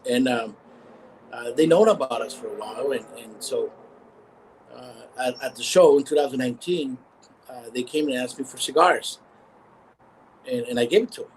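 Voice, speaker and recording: Company founder, male, mid-pitched, lively storyteller who restarts phrases; video-call sound with faint hiss. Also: moderate pace, long pauses, poor audio. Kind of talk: casual storytelling in a live interview.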